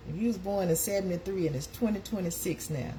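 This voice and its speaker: A woman's voice: fairly low pitch, fast, noisy background. A woman, hosting a casual live chat and calling out to her viewers. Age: 50s. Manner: chatty, calls out to viewers. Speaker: live stream host.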